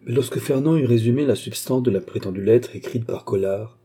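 A man narrating a classic novel as an audiobook in a steady, dramatic storytelling manner. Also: mid-range voice, brisk, slightly rough. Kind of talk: scripted narration.

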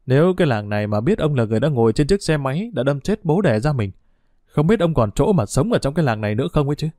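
A man's voice: mid-range voice, very animated, mellow, no echo, clean studio sound, close to an everyday voice. A man voicing a brash scornful village thief. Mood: scornful, taunting. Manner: taunting, scornful, quick.

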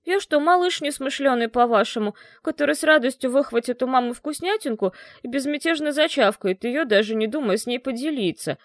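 A woman's voice: fairly high pitch, animated, a little fast, no echo, clean studio sound, close to an everyday voice. A woman voicing a stubborn, brave teenage boy who talks back indignantly and grumbles.

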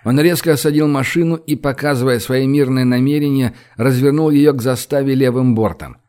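A man narrating an audiobook, lively and acting out the dialogue. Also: medium pitch, fairly quick, clean tone.

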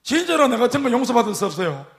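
A man's voice: very high-pitched, sing-song, racing, a bit bright, pitched above the performer's own voice, heavily acted. A pastor quoting a tearful young man who begs for forgiveness. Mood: pleading. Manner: pleading, dialect speech.

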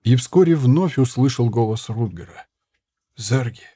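A man narrating an audiobook in a measured, hushed storytelling manner. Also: mid-range voice, breathy edge, no room sound, studio quality. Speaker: audiobook reader.

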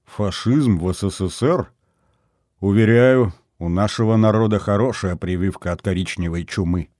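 A gruff, guarded middle-aged colonel, voiced by a man reading an audiobook. He talks in a matter-of-fact way, low and dark. The recording is close and dry. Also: normal speed, dry recording, close to an everyday voice.

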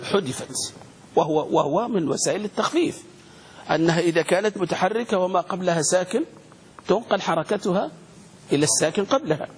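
A man teaching a grammar class, questioning his students and spelling words out slowly. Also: high-pitched, expressive. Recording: echoey room with long reverb, faint noise.

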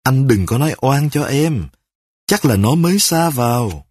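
A man voicing a fretful young wife who starts out defensive and turns sharp-tongued in a spoken story, with a husky voice. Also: medium pitch, expressive, no echo, clean studio sound. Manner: pleading, then snapping back in quick retorts.

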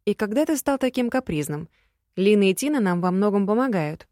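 A woman reading the lines of a young female student heroine, soft and earnest. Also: mid-range voice, animated, brisk, no echo, clean studio sound, lightly acted.

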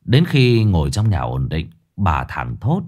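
Expressive male ghost-story narrator. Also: extremely low pitch, a little slow. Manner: expressive, suspenseful.

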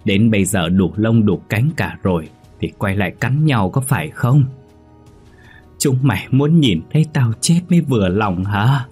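A man voicing a frail elderly mother, high and anguished, in an audio horror story. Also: moderate pace, a little mellow, husky, soft background music. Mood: bitter. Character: frail elderly mother, shrill, grieving and furious.

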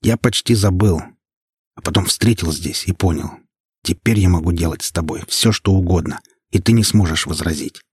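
Man doing gangster boss in his forties, flat and menacing, deep husky voice, dry. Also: no echo. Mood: bitter. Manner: flat, slow, contemptuous. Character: cold, menacing 46-year-old gangster boss.

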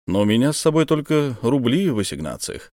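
A man voicing a cold, reserved aristocratic count in a low, quiet voice for an audiobook. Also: sing-song, fairly quick, dry recording, studio quality, lightly acted. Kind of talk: audiobook character voice.

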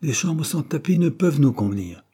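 A man's voice: on the high side, animated, fairly quick, warm tone, slightly rough, voice pushed up. A man reading aloud voices a domineering, scolding middle-aged maidservant woman in a storybook.

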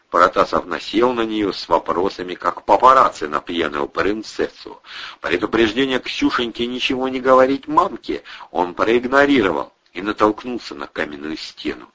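A man narrating an audiobook in an even, measured way. His voice is very deep and husky, with a bright, forward edge. The recording sounds dull and lo-fi.

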